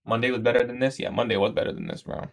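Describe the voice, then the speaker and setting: A man's voice: medium pitch, steady tone, racing. A man of twenty-one from Iraq, hosting a live trading stream, commenting on his trades and answering chat in a casual, slangy way. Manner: casual, slangy, calls viewers bro. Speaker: livestream host, day trader.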